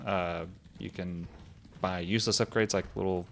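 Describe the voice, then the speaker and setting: A man's voice: deep voice, steady tone, normal speed, noisy background. A man co-hosting a gaming podcast, explaining a game in casual chat, rambling with lots of "like" and "um" and the odd laugh. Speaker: podcast co-host.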